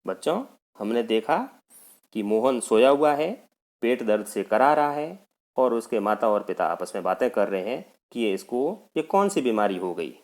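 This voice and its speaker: A man's voice: fairly low pitch, animated, normal speed, darkish tone. A male teacher reading a school play aloud and explaining it to children. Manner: addresses children, explains idioms.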